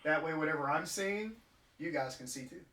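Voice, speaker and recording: A man in casual chat with friends, playful and quick to swear and joke. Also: on the high side, pushed and bright. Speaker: podcast co-host. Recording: roomy echo, distant mic.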